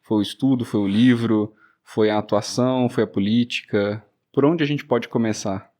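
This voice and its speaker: A man's voice: on the low side, steady tone, moderate pace, darkish tone. A man hosting a podcast, asking questions in a friendly, chatty way. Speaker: podcast host. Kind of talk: casual podcast interview.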